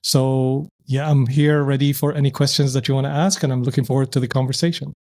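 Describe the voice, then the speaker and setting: A man's voice: mid-range voice, level tone, fast talker, darkish tone. Thoughtful man from Syria. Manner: reflective, thoughtful, with frequent restarts. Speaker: podcast guest, entrepreneur. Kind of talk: casual interview.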